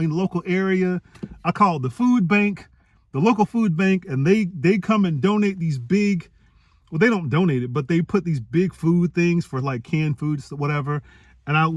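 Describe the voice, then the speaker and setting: A man telling a personal story to an audience, acting out the dialogue with lively jumps in his voice. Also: normal speed, no room sound. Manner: animated, acts out quoted dialogue with pitch jumps. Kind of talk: storytelling talk.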